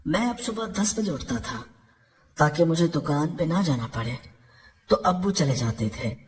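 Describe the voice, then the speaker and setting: A long, hall-like reverb lingers after each phrase as a man narrates a first-person scripted story a little slowly. His voice is high for a man, with lively rises and falls.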